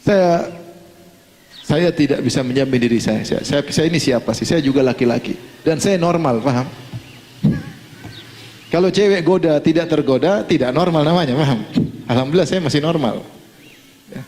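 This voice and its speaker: A middle-aged male preacher giving an Islamic sermon, telling stories and acting out dialogue in a lively, animated way. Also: fairly high pitch, normal speed, long pauses. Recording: long hall reverb.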